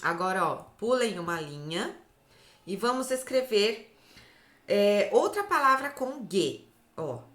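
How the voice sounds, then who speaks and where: A Brazilian Portuguese woman teaching phonics to young children, stretching out syllables slowly and checking in after each point. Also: medium pitch, sing-song, fairly bright tone, reverberant. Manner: slow, drawn-out syllables, often ends with "tá?". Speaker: literacy teacher. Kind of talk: slow, clear phonics lesson for children.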